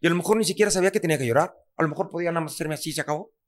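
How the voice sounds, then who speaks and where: A man's fairly high voice races along in a Mexican accent. As a podcast guest in a candid chat, he's blunt, swears freely, and impersonates the people he quotes.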